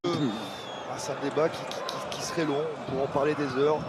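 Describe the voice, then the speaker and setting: Man, football co-commentator, high voice, emphatic, halting repetitions, live replay analysis, loud crowd behind. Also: flat delivery. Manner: emphatic, halting, repeats words and phrases. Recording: loud stadium crowd, noisy background. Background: football stadium crowd.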